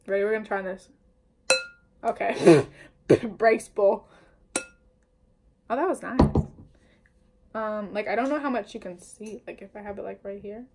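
Speaking in a mid-range voice, a little slowly and with frequent pauses, a young woman bakes at her kitchen table against wallpaper at home. Her casual baking vlog is full of cheerful, slangy chatter aimed at the camera, and the background is noisy.

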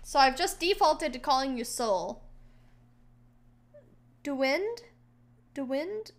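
High-voiced woman streamer chatting. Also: expressive, slow. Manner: chatty, greets and answers viewers' chat; frequent fillers and restarts. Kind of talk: casual live-stream chat.

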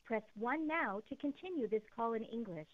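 A woman's prerecorded automated phone menu message, polite and even, reading scripted prompts. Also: a little high, normal speed. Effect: recorded automated phone menu message. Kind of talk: scripted recorded announcement. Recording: tinny phone line.

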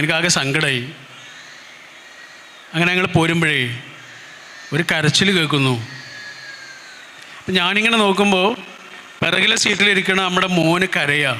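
Male motivational speaker, high bright voice, earnest storytelling, long reverb. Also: slight background noise. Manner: earnest, emotive storytelling with repetitions.

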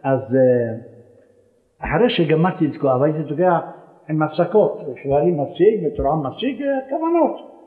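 An older rabbi tells a story in a rambling, anecdotal way, pausing often to gather his thoughts. His voice sits fairly high for a man. It comes through a tinny, phone-like recording, with a long echo in a large hall. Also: big pitch swings. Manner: rambling anecdotal telling with many hesitations. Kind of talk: storytelling lecture. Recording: echoey hall over a tinny phone-like line.

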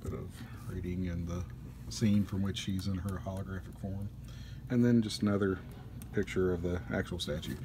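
A man casually reviewing a collectible statue at a table indoors, easygoing, with frequent pauses. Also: low voice, steady tone, background noise.

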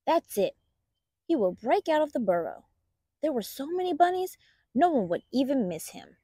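A storytime host reads a children's picture book aloud, expressive and deliberate like a seasoned storyteller. Her voice sits high, and the studio sound is clean with no echo.

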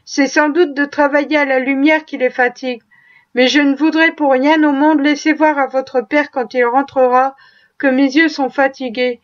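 A poor mother speaks softly, steadying her family through grief, as a woman narrator gives her voice. The tone is high and gentle. The recording is dull and lo-fi. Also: flat delivery, normal speed, natural voice. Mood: tender.

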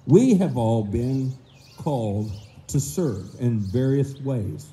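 Preaching at a stand mic in a park pavilion, a middle-aged minister speaks in a low, hoarse morning voice with a warm, animated tone. He mimics the excuses people make in rapid voices, then slows down to stress his points emphatically. Faint outdoor sounds, including birds, can be heard behind him.

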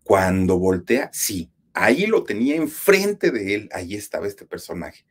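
A man's voice: lowish voice, big pitch swings, unhurried, breathy edge. A man with a Mexican accent telling a spooky story, speaking straight to his listeners and building suspense. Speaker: horror storyteller, channel host. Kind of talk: dramatic spoken storytelling.

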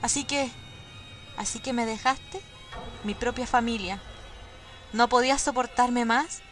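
A woman's voice: on the high side, a little slow, a bit bright, soft background music, voice pushed up. A woman reading aloud the lines of a bitter, wounded ghostly mother, in a plain reading voice. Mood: reproachful. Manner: reads dialogue boxes aloud, plainly.

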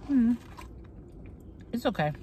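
A woman's voice: fairly high pitch, sing-song, takes it slowly, warm tone, a little hiss or hum. A woman chatting casually in an eating vlog while chewing food, talking to her viewers. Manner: chatty, addresses viewers as y'all. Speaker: mukbang vlogger.

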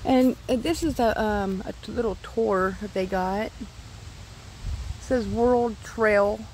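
A woman's voice: mid-range voice, takes it slowly, darkish tone, poor audio. A woman chatting casually in a rambling way as she films a walk through a park on her phone. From California. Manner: chatty, rambling, coos at animals. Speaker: vlogger. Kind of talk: casual walking vlog. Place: outdoors in a park by a creek. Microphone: phone held while filming. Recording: faint outdoor background noise.

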